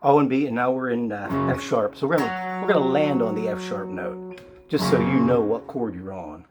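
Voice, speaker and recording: A man with a raspy, sick voice, giving a casual guitar lesson in a relaxed, halting way with many fillers. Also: medium pitch. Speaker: guitar teacher. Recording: loud guitar playing behind the voice.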